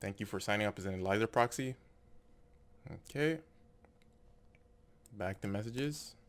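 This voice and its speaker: A man with a lowish voice, talking at normal speed, narrates a gameplay video over game music. His commentary is casual, as he reads on-screen text aloud and muses tentatively along the way.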